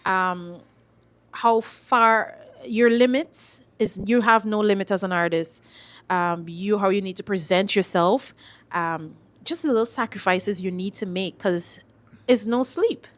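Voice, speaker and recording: A singer-songwriter with a Guyanese accent talks casually as an interview guest, emphatic and repeating phrases for stress. Her voice is mid-range and her pace measured.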